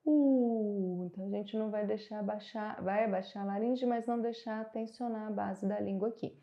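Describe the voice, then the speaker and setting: A woman giving a singing lesson, calmly explaining and guiding vocal exercises. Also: medium pitch, normal speed, highs cut off. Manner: calm, guiding, explains then demonstrates. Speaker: singing teacher.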